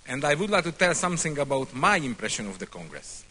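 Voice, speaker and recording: A man's voice: mid-range voice, sing-song, bright, forceful tone, slightly rough. Man speaking to a congress. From Hungary. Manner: simple phrases, pauses for interpreter. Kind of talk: speech with live interpretation.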